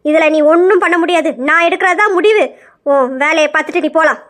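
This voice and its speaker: A woman plays a domineering old grandmother in an audio drama, giving orders in a high voice and scheming against anyone who crosses her. Her tone stays hard and controlling. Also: fairly quick, fairly bright tone. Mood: commanding. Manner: commanding, scheming. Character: domineering old grandmother, matriarch of a rich house.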